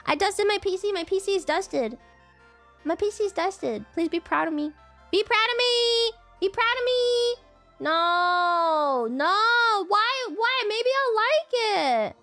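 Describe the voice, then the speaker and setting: Her voice is high and animated but slow-paced, and her cold has left her stuffed up as she chats casually on a livestream. She rambles, breaks into whiny, playful protests, and faint soft music sits behind her home desk mic.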